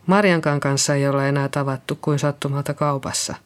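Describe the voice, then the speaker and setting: In a steady, clean medium-pitched voice close to everyday speech, a narrator reads the part of a shaken middle-aged woman nurse under police questioning in an audiobook. She sounds nervous, hesitant, and apologetic.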